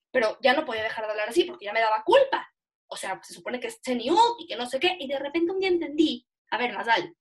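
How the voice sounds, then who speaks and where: Chatty high-voiced Mexican young woman. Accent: Mexican Spanish. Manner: chatty, animated, self-mocking. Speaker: teacher leading an online class. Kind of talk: casual online lesson. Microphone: video call.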